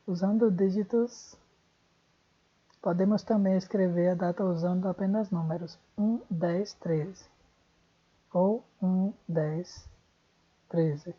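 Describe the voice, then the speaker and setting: A woman with a Brazilian Portuguese accent gives an online English lesson at an unhurried pace. Her voice is a little breathy, and she thinks aloud, often stopping to fix what she just said. The recording sounds dull and lo-fi. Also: lowish voice, steady tone. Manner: thinks aloud, corrects herself mid-sentence. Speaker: English teacher.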